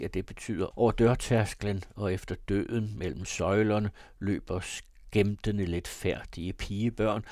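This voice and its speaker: A man reading a classic novel aloud as audiobook narrator, in a measured, even storytelling manner. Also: lowish voice, no room sound, studio quality.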